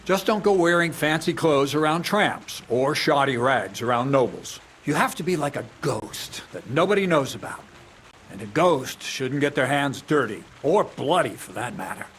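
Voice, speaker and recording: An actor playing a blunt, coarse medieval thief who lectures on stealing, in a video game. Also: male voice, medium pitch, animated, moderate pace, fairly bright tone, a little hiss or hum, close to an everyday voice. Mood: lecturing. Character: gruff older male medieval thief, blunt and crude.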